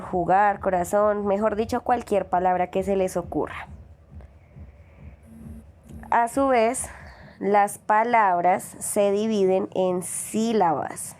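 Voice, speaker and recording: A woman's voice: medium pitch, a little mellow. A woman teacher, giving a recorded lesson to children and stretching out syllables to demonstrate them.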